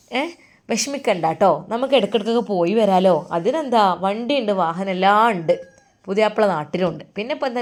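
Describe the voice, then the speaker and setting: A woman with a Malabar Malayalam accent voicing a warm elderly mother-in-law who talks loudly and briskly. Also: mid-range voice, lightly acted.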